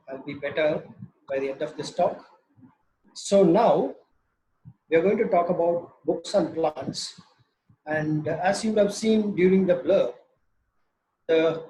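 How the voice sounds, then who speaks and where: Higher-pitched man with a South Indian accent, slightly nervous. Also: a little mellow, low-quality recording. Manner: halting, joking, conversational. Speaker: webinar speaker. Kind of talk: informal talk on books.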